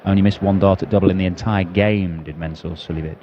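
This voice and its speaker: Man, live darts commentary, medium pitch, dull broadcast sound, faint noise behind. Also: steady tone, fast, dark tone.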